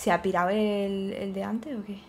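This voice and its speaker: A woman's voice: mid-range voice, steady tone, normal speed, a little hiss or hum. A woman with a Spanish accent from Spain, streaming a game with casual commentary, swearing and laughing as she plays. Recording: faint game music behind.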